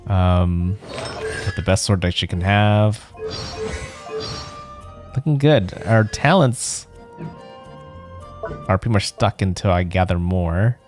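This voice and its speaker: Speaking slowly with long pauses over music, a deep-voiced man rambles and chats casually while livestreaming a video game, thinking out loud as he plays.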